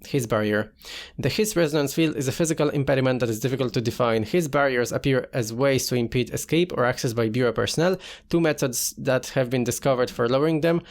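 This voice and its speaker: A man's voice: medium pitch, fast talker, hardly any pauses. Casual male gamer narrating his playthrough. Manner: casual, talks himself through the action. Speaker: video game let's player. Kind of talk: gameplay commentary, reading in-game documents aloud.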